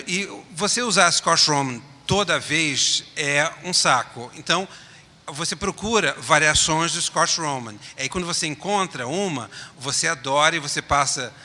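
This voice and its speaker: A man speaking informally as a panelist, haltingly and often searching for words. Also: fairly high pitch, sharp tone. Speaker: panelist, small design studio owner. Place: round table in a reverberant hall. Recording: echoey hall.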